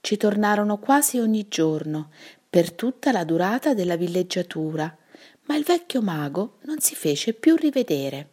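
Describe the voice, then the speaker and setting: A woman teacher reading a bedtime fairy tale aloud, gentle and expressive. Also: lowish voice. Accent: Italian. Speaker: teacher and storyteller.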